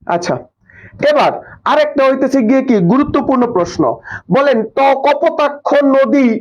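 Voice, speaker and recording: A man's voice: very high-pitched, expressive, moderate pace. A young man teaching a live online class, drilling students with questions and repeating answers. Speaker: online tutor. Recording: dull lo-fi live stream audio.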